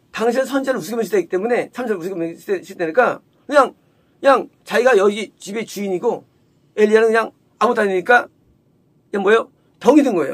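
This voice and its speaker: This is a male preacher expounding scripture in sermon style. His voice sits high and has a breathy, husky grain. He poses rhetorical questions and answers them himself, and he voices quoted characters with a lifted, sharper tone. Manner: acts out the quoted woman in a raised, sharp voice. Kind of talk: sermon, Bible exposition.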